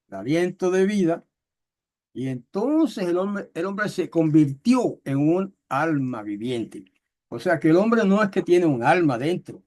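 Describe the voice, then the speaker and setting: A man teaching a Bible study, explaining words step by step and slowly reading out text in another tongue, with many fillers and checks on his listeners. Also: on the high side, darkish tone. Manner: slow, careful reading of Hebrew text.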